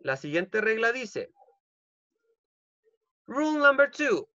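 A man's voice: extremely high pitch, very animated, slow, bright, forceful tone, no echo, muffled recording. A male English teacher with a Chilean accent, giving an online class and repeating each rule in Spanish with frequent "ok?" checks. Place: home. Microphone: computer mic on a video call.

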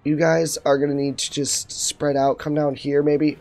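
A man's voice: a little high, little pitch movement, normal speed, darkish tone, soft background music. A young man doing casual let's-play commentary, thinking aloud and muttering asides to himself. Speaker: gaming video host.

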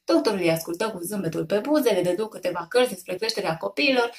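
A woman storyteller reading a children's story aloud, expressive and lively. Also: medium pitch, a little hiss or hum.

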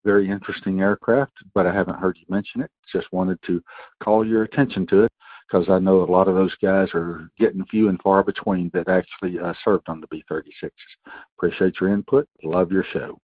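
A man's voice: sits low, fairly even intonation, fairly quick, no room sound. A man from Missouri, calling in casually and friendly with a question. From Missouri, USA. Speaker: caller. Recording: tinny phone line, dry.

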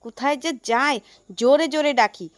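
A woman, playing a mother in a scripted comedy skit, animated and scolding, narrating to herself outdoors. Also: sits high, brisk, no room sound, studio quality. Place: outdoors in a yard.

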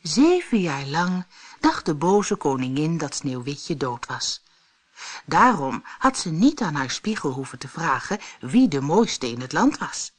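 A woman narrating a fairy tale in a lively, expressive storytelling manner. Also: low voice, unhurried.

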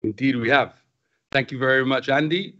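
A man's voice: medium pitch, normal speed. Man hosting an online AMA. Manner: friendly, relaxed moderator, reading questions. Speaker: host and company CEO. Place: indoor room with a virtual space background. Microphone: video call. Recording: dull lo-fi video call audio.

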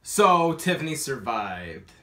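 Man, vlog co-host, casual chat, teasing, coaxing, animated voice. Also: mid-range voice, slow pace. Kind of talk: casual taste-test chat.

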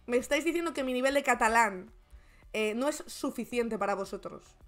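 A woman's voice: on the high side, fairly quick, faint music behind. A woman from Spain with a Spain Spanish accent, hosting a streamed show and giving comic, mocking commentary on the news. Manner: sarcastic and mocking. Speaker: streamer host.

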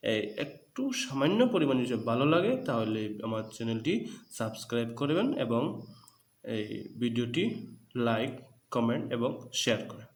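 Man, Bangladeshi Bengali accent, patient Quran reading teacher, syllable drills, echoey room. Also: mid-range voice. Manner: patient, repeats syllables slowly for learners to copy. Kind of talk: step-by-step lesson on reading Arabic letters.

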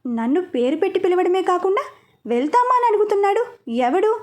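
A woman's voice: extremely high pitch, expressive, a little fast, voice pushed up. A woman voicing a flustered, scheming young woman in a storybook reading, full of fretful asides.

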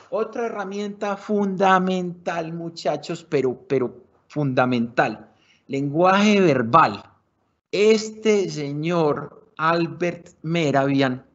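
A Colombian-accented sales trainer runs a lively online workshop, raising and lowering his volume and speed for emphasis. His voice is a little high, his style colloquial as he calls the audience "muchachos," and the video call audio is somewhat dull and lo-fi.

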